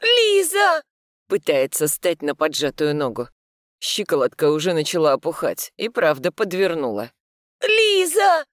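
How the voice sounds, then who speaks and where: A man voicing a distraught young woman teacher in an audiobook, straining high as she pleads. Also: moderate pace, no room sound, clean studio sound, lightly acted. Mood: desperate shouting.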